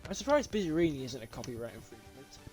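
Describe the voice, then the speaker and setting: Speaking quickly and with a lot of animation, this young British man has a medium-pitched, somewhat dark voice. Though sleepy and yawning, he keeps up casual, meandering commentary on a live car repair game, restarting often and laughing to himself. Soft music plays behind his desk-mic-and-webcam audio.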